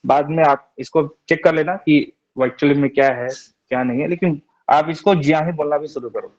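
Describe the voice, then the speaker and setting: A man's voice: on the high side, a little mellow. Patient male teacher on dull online audio. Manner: reassuring, repeats syllables slowly, often asks "theek hai?".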